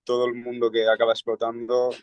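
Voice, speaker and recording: A man's voice: medium pitch, monotone, brisk, clear, resonant tone, no room sound, low-quality recording. A man, a guest in a casual conversation, talking in a reflective way and thinking aloud.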